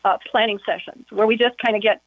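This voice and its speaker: A woman's voice: fairly high pitch, fairly even intonation, fast talker, no room sound. A woman on a county board, calling in to a casual interview and talking chattily with lots of "you know" fillers. Her voice comes through a muffled phone line, as if heard through a wall.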